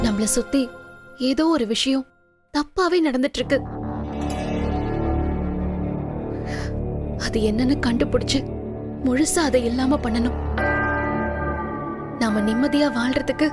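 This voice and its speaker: Young wife, high voice, tearful and pleading, score under her. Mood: earnest. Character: Bharathi, devoted young wife, tearful and protective. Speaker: actress in a TV serial. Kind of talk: TV serial acting.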